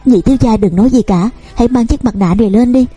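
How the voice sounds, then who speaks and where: A woman's voice: on the high side, fast talker, dark tone, slightly rough, faint music behind. A woman reading the part of a devoted young servant who urges and soothes her master. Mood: urgent.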